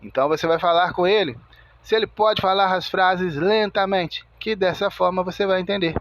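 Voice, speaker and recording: A man teaching English in a video lesson, explaining slowly and methodically and spelling out sounds word by word. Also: sits high, fairly bright tone, muffled recording.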